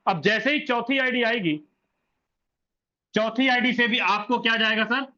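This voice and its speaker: A man talks through a business plan in a very high, bright voice. He poses questions and answers them himself, and often stops to correct himself. The recording sounds somewhat dull and muffled. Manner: corrects himself mid-sentence. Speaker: presenter explaining a business plan. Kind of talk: explanatory walkthrough to an online audience.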